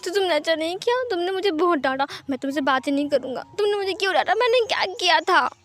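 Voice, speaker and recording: A woman's voice: very high-pitched, animated, quick pace, a bit bright, pitched above the performer's own voice. A woman voicing a hurt young man who speaks reproachfully. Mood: sulky.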